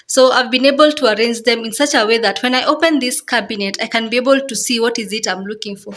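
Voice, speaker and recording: A woman's voice: fairly high pitch, fast, a bit bright. A woman vlogger with a Kenyan accent, casually explaining things step by step and repeating her phrases as she goes. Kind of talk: casual home tour explanation.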